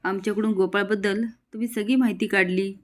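A woman's voice: mid-range voice, fairly even intonation, a little fast, natural voice. A woman voicing a blunt, indignant young village man.

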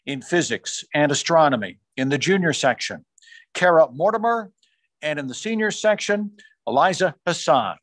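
A man formally reading out science fair award winners on a video call, rising in pitch on each school name. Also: lively intonation, a bit bright, dry recording. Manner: measured, formal announcing, rising on school names. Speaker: awards announcer. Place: small room on a video call. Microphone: video call microphone.

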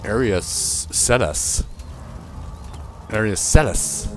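A man's voice: fairly low pitch, slow, over music. A young man commentating a horror game he is playing, swearing often and yelping in panic when monsters appear. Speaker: game streamer.

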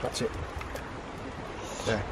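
Speaking very slowly over background noise, a thirtysomething man explains how he prepares seafood on a rocky beach. As a guest forager, he demonstrates the cooking step by step while his hands stay busy, keeping it a casual outdoor how-to.

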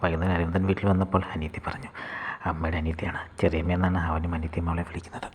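Brief: male narrator for a short story, hushed, very husky, quick. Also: sits low, little pitch movement, big-room sound.

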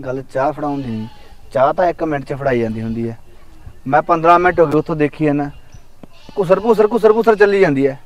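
A man's voice: on the high side, fast talker, lightly acted. An actor playing a jealous, domineering village husband who scolds and accuses his wife. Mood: angry. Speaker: husband, landowner. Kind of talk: village short film acting.

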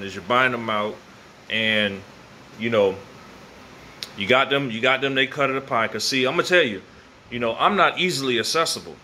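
A man's voice: mid-range voice, pushed and bright. An American man in his thirties rambling casually to camera in slang, repeating phrases for emphasis, on a phone held at arm's length in an open garage. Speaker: vlogger. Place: open garage at night, windy weather. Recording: noisy phone recording with outdoor ambience.

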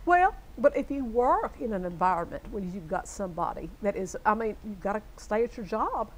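A woman's voice: mid-range voice, expressive, fairly quick, low-quality recording. Older woman, talk show host, chatty and agreeable, light background hiss. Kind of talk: casual TV interview chat. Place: local TV studio.

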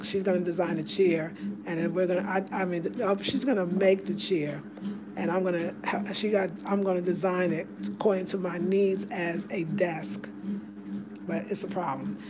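A woman giving a chatty, excitable home tour to her viewers, filmed on a handheld phone in a small room. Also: lowish voice, normal speed, very noisy. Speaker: home decor vlogger. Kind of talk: casual home tour vlog. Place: small room of a house indoors. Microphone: handheld phone camera.

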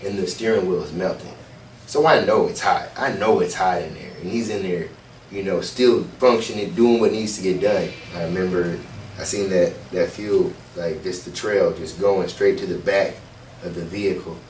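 A young American man gives halting first-person testimony as a soldier, his very low voice breaking into fillers and restarts. He sits some distance from the mic in a roomy space. A faint hiss runs underneath. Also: darkish tone. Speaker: soldier recounting combat.

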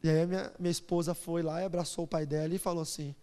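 A man in his thirties preaches from the pulpit, his voice high and bright as he slips into playful impressions of the people in his stories. He builds from chatty anecdote to loud, fervent proclamation. His words ring out with a long reverb through a large church hall. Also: little pitch movement, fast, clear, resonant tone. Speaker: pastor. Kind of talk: sermon with storytelling.

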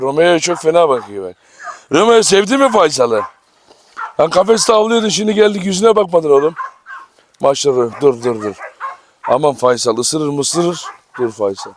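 A man with a slightly high voice hosts a casual vlog outdoors on a dog farm. He talks fondly and coaxingly to his animals between remarks to viewers. Loud barking dogs and outdoor noise fill the background. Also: lively intonation, moderate pace.

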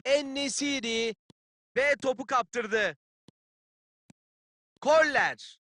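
An actor playing a keen football play-by-play announcer in a video game, calling the match in clipped phrases. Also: male voice, extremely high pitch, very slow, pushed and bright, no echo, exaggerated voice. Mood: keen, tense.

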